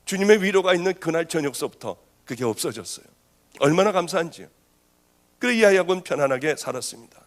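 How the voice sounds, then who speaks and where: A woman's voice: fairly low pitch, expressive, fast talker. A woman pastor giving a sermon testimony, telling her story with strong feeling and a voice that rises when she grows agitated.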